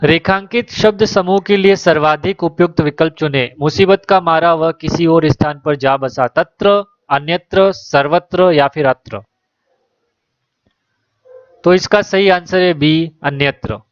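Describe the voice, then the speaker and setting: A man's voice: a little high, unhurried, no room sound, highs cut off. A man who works as a teacher, going through exam questions one by one: he reads each question and its options, then gives the right answer.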